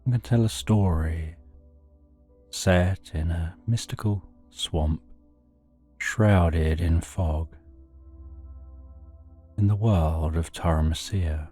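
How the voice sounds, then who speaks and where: A man narrating a sleep story as a slow, soothing, hushed guided relaxation, with soft music and rain behind him. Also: low-pitched, slightly rough. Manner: soothing, unhurried, hushed delivery.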